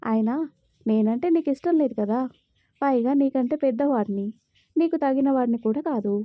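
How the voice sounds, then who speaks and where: A woman voicing a brooding young husband who speaks with sharp sarcasm, in a dry, slightly dull audio story recording. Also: sits high, normal speed, no room sound, natural voice. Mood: sarcastic.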